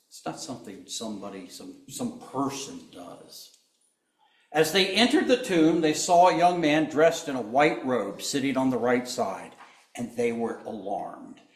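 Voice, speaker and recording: A man's voice: mid-range voice, reverberant. A man preaching a sermon, telling the story with humor and acting out the quoted lines. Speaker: pastor.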